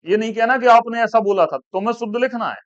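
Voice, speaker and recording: A male teacher from India dictating words to a class one by one, repeating each slowly. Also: extremely high pitch, no room sound. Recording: dull, dry classroom recording.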